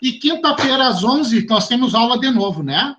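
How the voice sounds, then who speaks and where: A man with a Rio Grande do Sul accent teaching a class, lively and chatty, speaking straight to his students. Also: very high voice, moderate pace, dull audio. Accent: southern Brazilian, Rio Grande do Sul. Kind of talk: online class talk to students.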